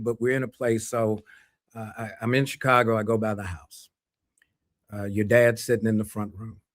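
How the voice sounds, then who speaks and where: A man telling a slow, reflective story in a radio conversation. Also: on the low side.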